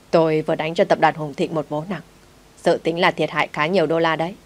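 Low-voiced woman narrating a story. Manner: voices every character in one steady reading. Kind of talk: narrated family drama audiobook.

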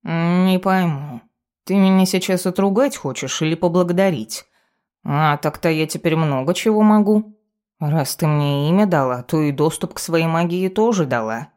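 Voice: medium pitch, moderate pace, darkish tone, close to an everyday voice. A reader voicing a self-important male talking cat familiar who grumbles and lectures his mistress in an audiobook. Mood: bossy, lecturing. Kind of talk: audiobook character voice.

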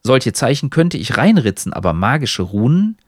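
A man's voice: mid-range voice, sing-song, moderate pace, no room sound, studio quality. A man voicing a grumpy, impatient fellow who grumbles and answers sarcastically. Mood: grumbling.

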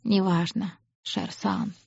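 A woman voicing a tender lordly man murmuring softly to his lover, in an audiobook. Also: mid-range voice, little pitch movement, slow, creaky, husky, dry recording, dull audio, heavily acted. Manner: soft, murmuring.

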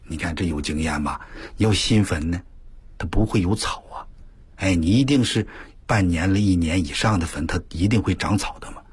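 An older man on the radio telling a story in a folksy, animated way, full of exclamations and drawn-out emphasis. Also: sits low, breathy edge, no echo. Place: radio studio.

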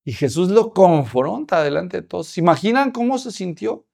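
A male preacher delivers a sermon in a high, bright register. He is animated, acting out little scenes with humor and pressing his points with emphasis. His voice swings from hushed asides to loud declarations. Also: normal speed, gravelly.

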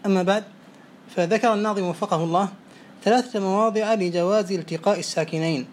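A man teaching Arabic morphology, quizzing students and briskly praising each answer. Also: high voice. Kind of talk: oral quiz lesson. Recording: faint background noise.

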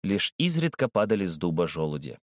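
A man's voice: sits low, very animated, a little fast, dry recording, clean studio sound. A man narrating a children's storybook aloud, doing all the character voices.

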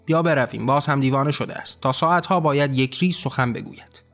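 A man's voice: medium pitch, fairly bright tone, faint music behind, lightly acted. A man voicing an irreverent male angel who mocks and grumbles. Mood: mocking. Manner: sarcastic, grumbling.

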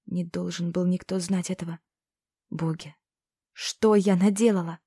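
Female audiobook narrator, mellow and hushed, dry close recording. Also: fairly low pitch, steady tone, unhurried, slightly rough, dry recording. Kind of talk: first-person audiobook narration.

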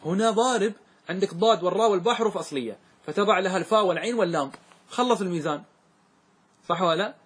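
A husky, high-voiced man races through a grammar lesson in a classroom, firing questions at his students. He drills them in call and answer, having them respond back.

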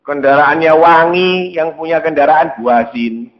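Male preacher, slow, storytelling delivery, slightly high voice, muffled lo-fi recording. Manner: storytelling sermon, mixing Javanese words into Indonesian, acting out dialogue. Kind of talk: sermon. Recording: dull lo-fi recording.

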